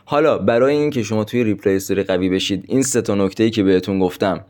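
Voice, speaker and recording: A man's voice: fairly low pitch, darkish tone. A man coaching listeners on dating, going through numbered tips in a direct, chatty way and addressing them as friends. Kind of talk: instructional monologue with numbered tips.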